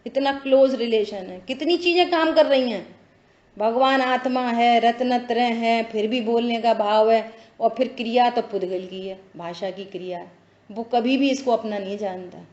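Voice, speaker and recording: A woman's voice: high-pitched, darkish tone. A woman giving a religious discourse who explains patiently, repeats her phrases, and asks whether listeners follow. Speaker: spiritual teacher. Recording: echoey dull lo-fi room.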